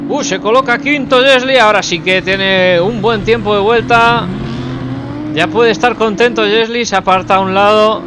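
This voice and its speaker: This sim racing commentator has a high voice and talks at normal speed, calling the live action and exclaiming as positions change. Loud car engine noise fills the background.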